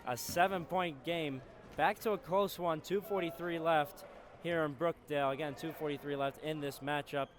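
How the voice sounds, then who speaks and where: A male play-by-play commentator calls a college basketball game from the arena skybox. He breaks into shouts on the big plays. Arena noise and bouncing balls come through clearly under his voice. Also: on the high side, steady tone, normal speed. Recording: noisy arena broadcast.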